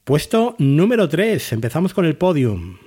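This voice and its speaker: Mellow man reviewing TV series. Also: a little high, big pitch swings, moderate pace, breathy edge. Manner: enthusiastic, thoughtful with fillers. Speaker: podcast host.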